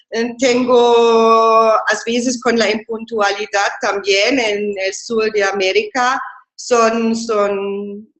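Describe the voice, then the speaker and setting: A woman from Germany whose first language is German, presenting an intercultural webinar in slow, careful Spanish with small slips. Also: on the high side, a bit bright, reverberant.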